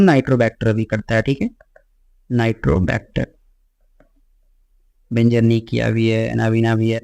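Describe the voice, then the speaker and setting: A young man teaching a biology lesson, slowly reading English textbook lines and explaining them in a lecture voice, often checking in with "theek hai". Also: on the high side, darkish tone. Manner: mixes Hindi and English, reads English lines slowly then explains; frequent "theek hai" fillers, addresses students directly.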